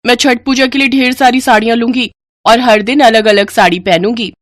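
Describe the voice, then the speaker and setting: A woman's voice: on the high side, steady tone, fairly quick, dry recording, clean studio sound, pitched above the performer's own voice, natural voice. A woman voicing a spoiled, mocking young rich daughter-in-law with a sugary, sneering way of talking. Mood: eager.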